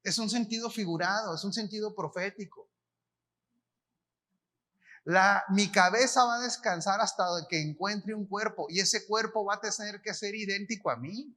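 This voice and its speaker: Man, Mexican Spanish accent, preaching, high voice, colloquial, asks and answers his own questions. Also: moderate pace, pushed and bright. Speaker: apostle preaching. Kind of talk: conference sermon.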